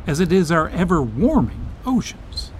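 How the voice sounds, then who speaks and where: A man's voice: a little high, very animated, normal speed, noisy background. A man narrating a scripted television news feature as a correspondent.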